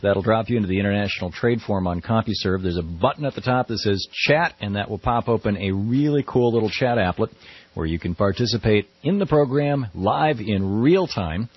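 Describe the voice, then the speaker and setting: A man's voice: lowish voice, lively intonation, fairly quick, slightly rough, no echo. An American man hosting a live talk radio show in a conversational, explanatory way. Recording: dull lo-fi radio recording.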